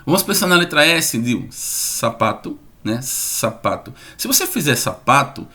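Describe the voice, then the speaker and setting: Lively male teacher demonstrating speech sounds. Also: on the high side. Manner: lively, demonstrates sounds slowly and repeats them. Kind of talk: recorded online lesson.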